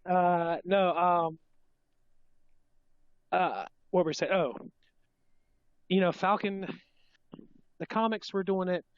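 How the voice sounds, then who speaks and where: Sick-sounding man with a smoker's rasp. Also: high-pitched, fairly even intonation, slow, long pauses, dry recording. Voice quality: congested smoker's rasp from illness. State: sick, coughing under-the-weather voice. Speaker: podcast host. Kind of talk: casual film fan chat. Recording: dull lo-fi, dry sound.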